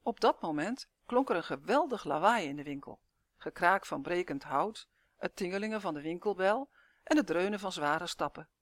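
A woman narrating a children's storybook in a clear, even, expressive reading voice. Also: fairly low pitch, moderate pace, no echo.

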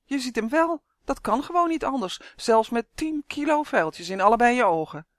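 A reader doing a tiny buzzing dragonfly elf, fussy and chatty, squeaky high, dry close sound. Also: lively intonation, moderate pace, fairly bright tone, no echo, natural voice. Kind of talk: storybook reading.

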